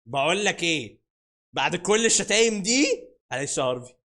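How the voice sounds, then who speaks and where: High, fast-talking Egyptian gamer guy. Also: sing-song. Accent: Egyptian Arabic. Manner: joking and sarcastic, bursts into shouting. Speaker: gaming YouTuber host. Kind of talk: casual gameplay commentary. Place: at home, sitting on a dining chair.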